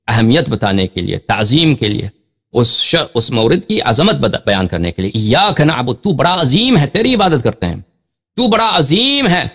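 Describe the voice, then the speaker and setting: A male religious scholar lectures on Quran commentary, and his pitch swings widely as he stresses points. He reads Arabic passages slowly and explains them. He keeps repeating phrases and posing questions to drive each point home. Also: fairly bright tone, husky.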